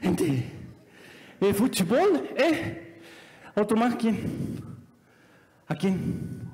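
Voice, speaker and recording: A man performs a comedy sketch, teasing his partner in slang and bursting into exclamations. His voice sits very high and swings wildly, and he drawls slowly. The sound rings in a reverberant hall with faint music behind. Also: very animated, a little mellow. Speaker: comic performer. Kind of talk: playful comedy sketch banter.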